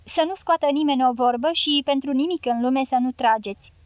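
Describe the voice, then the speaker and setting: A woman reading the part of a calm, sly older male guerrilla leader who gives quiet orders in an audiobook. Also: sits high, no echo, close to an everyday voice. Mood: commanding.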